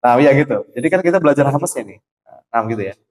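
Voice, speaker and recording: A man teaching a Quran recitation class in a mosque, repeating letter sounds slowly to show how they are said. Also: medium pitch, animated, darkish tone. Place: mosque study session.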